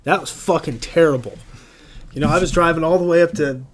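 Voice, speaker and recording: A man's voice: fairly high pitch, fairly quick. A man in his thirties, a podcast guest telling army stories in a blunt, profane, casual way. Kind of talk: casual storytelling.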